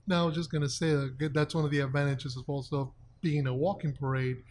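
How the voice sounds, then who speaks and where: A man from a parade group explaining things briskly in a casual panel chat. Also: on the high side, fairly even intonation, a little mellow, slight background noise.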